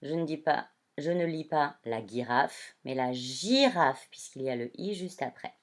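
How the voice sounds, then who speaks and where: A woman primary school teacher giving a reading lesson to young children, speaking slowly and clearly as she addresses them. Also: low-pitched, a little mellow.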